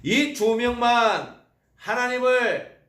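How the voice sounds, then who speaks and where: A man preaching a sermon who keeps asking his congregation questions, switching between loud emphasis and soft asides. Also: very high-pitched, slow. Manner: asks the congregation rhetorical questions. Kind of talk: evangelistic sermon. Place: church service hall. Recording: roomy, voice from far off the mic.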